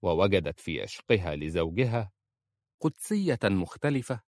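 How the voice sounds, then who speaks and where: A male audiobook narrator with a low voice, reading in a measured, even way. The sound is dry and close to the mic. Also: no room sound. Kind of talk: scripted narration.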